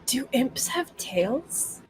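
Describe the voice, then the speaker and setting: A woman's voice: high-pitched, very animated, very slow. A young woman chatting casually as a player in an online tabletop roleplaying game. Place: room at home, on a group video call. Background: music.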